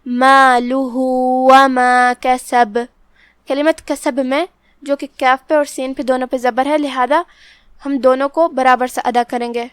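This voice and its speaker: A woman's voice: high-pitched, steady tone, clear, resonant tone, no room sound, clean studio sound. A woman teaching Quran recitation step by step, methodically explaining each pronunciation rule.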